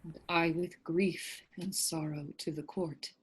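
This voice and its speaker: A woman playing a meek, sorrowful, gentle king in a Shakespearean verse drama, with a husky voice. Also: low voice, fairly even intonation, measured pace, exaggerated voice. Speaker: actor in staged reading.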